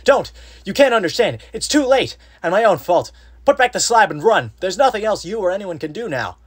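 Doomed male explorer for a horror storybook, acted out by a man: raised, strained pitch, terrified, urgent, desperate warnings. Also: sing-song, a little fast. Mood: frantic despair. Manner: frantic, urgent cries.

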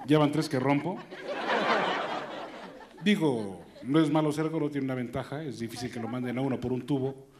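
Heavy background noise surrounds a man with a fairly high voice and a Mexican accent as he performs stand-up on stage. He jokes and chats with the audience amid loud crowd sounds and music at the live show.

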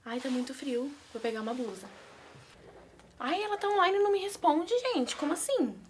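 A woman's voice: high-pitched, normal speed, a little hiss or hum. A young woman with a Brazilian accent chatting nervously and giggling through a prank video. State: anxious. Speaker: YouTuber pranking her mother. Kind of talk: casual prank vlog chat.

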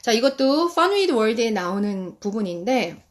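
A woman in her thirties hosting a live-stream guide for parents, talking in an animated way and reading English phrases slowly. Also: fairly high pitch.

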